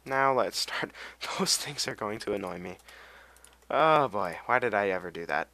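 A man's voice: on the low side, lively intonation, normal speed, gravelly, pushed and bright, slight background noise. Young man rambling over gameplay. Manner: rambling, goes off on tangents, hums and sings to himself. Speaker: gameplay commentator. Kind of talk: casual gameplay commentary.

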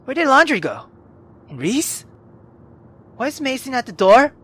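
A woman with a fairly high, very lively voice reads a visual novel aloud as a let's play host. She swears freely and reacts with big emotional outbursts between lines of narration. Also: fast talker, husky. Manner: profane, emotional, reacts loudly.

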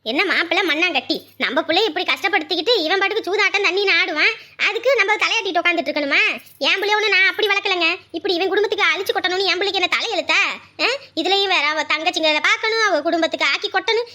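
A woman playing a fiery, outspoken middle-aged village mother who scolds fast and loud. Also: very high-pitched. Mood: furious. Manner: loud scolding, rapid-fire outrage. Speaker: mother in a family drama. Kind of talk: web drama acting.

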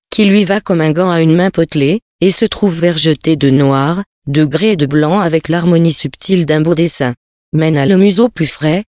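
A narrator reading old tales in a measured, literary manner. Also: mid-range voice, darkish tone, no room sound, studio quality.

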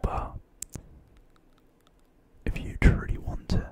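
A man in his twenties gives a whispered, gentle and reassuring pep talk in a breathy, rambling ASMR style, close to the microphone. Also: slow pace. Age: 20s. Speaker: ASMR creator. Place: small quiet bedroom. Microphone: close large studio microphone on desk.

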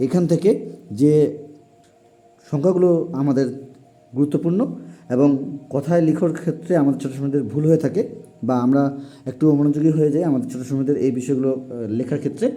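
A man teaching a spelling lesson in a formal, repetitive way, with frequent pauses. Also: medium pitch, fairly even intonation, dark tone. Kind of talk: classroom lesson for parents and young pupils.

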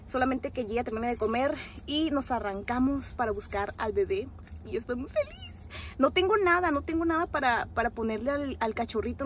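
A young woman talks to her phone camera at home and in the car. Her voice sits fairly high, and the faint noise behind her never goes away. She chats easily to viewers and turns soft and doting when she speaks to her daughter. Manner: chatty, switches to soft affectionate baby talk with her daughter. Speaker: family vlogger and mother. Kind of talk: casual vlog chat.

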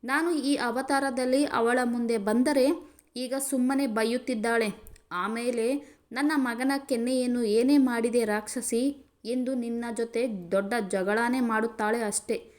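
A woman's voice: a little high, steady tone, a little slow, natural voice. A woman reading the part of a young husband who scolds his wife but dotes on her, in a storybook reading. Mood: irritated. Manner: scolding, then pleading.

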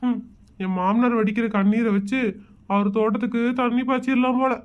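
A man with a fairly high voice. He mutters sarcastic, grumbling asides and mocks everyone around him in a comedy sketch. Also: steady tone, a little fast, lo-fi sound.

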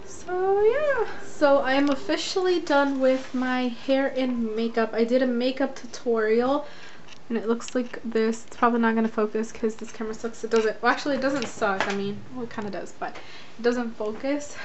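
A young American woman with a fairly high voice talks at a moderate pace into a handheld camera at arm's length. She is vlogging casually in small rooms at home, the closet and the bedroom, rambling informally with lots of "like." The camera audio is dull and noisy.

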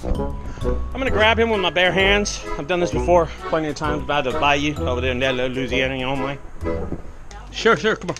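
High-voiced joking man on a head camera. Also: brisk, poor audio. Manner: joking, loud, laughing banter. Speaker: junk removal worker. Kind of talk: casual on-site vlog chat. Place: outdoor backyard patio. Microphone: head-mounted action camera. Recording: outdoor camera audio with loud music over it.

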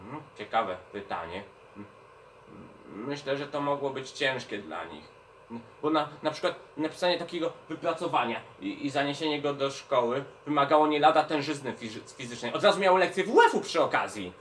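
A man's voice: mid-range voice, lively intonation, moderate pace, fairly bright tone, recorded from a distance, slight background noise. A man working as a children's librarian, patiently explaining things to children and often checking in with them. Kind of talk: children's educational talk.

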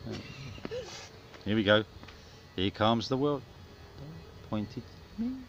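Slow and sing-song, a middle-aged man with a fairly low voice jokes his way through a home video with casual, mock-dramatic commentary. Recorded outdoors in a small back garden, the camera audio comes through muffled and noisy, with clicking.

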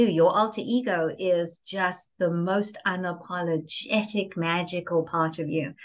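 A woman speaking as a guest in an interview, expressive and theatrical, with lively emphasis on key words. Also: medium pitch. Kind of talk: enthusiastic interview conversation.

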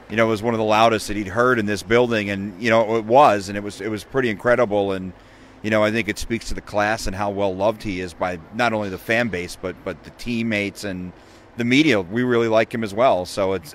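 A man in his thirties with a low voice talks earnestly, circling back over his words as he reflects. He is recorded close by a phone in a big empty arena. A faint hum sits behind him. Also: a bit bright. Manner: reflective, earnest, many repeats. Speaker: sports radio reporter guest. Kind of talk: casual post-game chat. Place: inside an empty hockey arena, rinkside.

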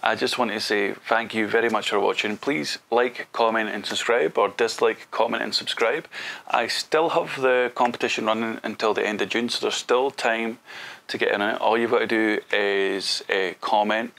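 A man's voice: on the low side, fairly even intonation, normal speed, vocal fry, fairly bright tone. A man, talking casually to camera from his studio with frequent ums. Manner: chatty, loose, frequent ums. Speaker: photography vlogger. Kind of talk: casual vlog outro. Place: indoor home studio.

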